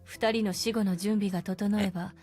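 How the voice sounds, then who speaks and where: An actress voicing a cool, measured strategist woman. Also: mid-range voice, fairly even intonation, darkish tone, faint music behind, natural voice. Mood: calm. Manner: measured and matter-of-fact. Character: composed, cold adult female strategist.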